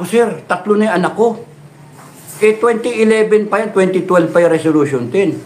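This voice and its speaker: A man's voice: sits high, a little hiss or hum. A middle-aged man, delivering an impassioned political rant full of mocking rhetorical questions and swearing. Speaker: political speaker.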